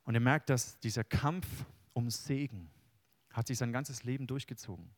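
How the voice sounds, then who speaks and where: A man's voice: medium pitch, normal speed, no echo. Earnest man preaching a sermon. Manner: earnest, personal anecdotes, wide swings between loud and hushed. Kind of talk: sermon with Bible reading.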